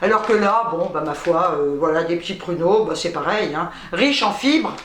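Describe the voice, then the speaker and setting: A middle-aged woman chatting casually to camera as a vlogger, self-mocking, talking fast and tripping over her words. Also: lowish voice, expressive, slight background noise. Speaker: vlogger showing a grocery haul. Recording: echoey room.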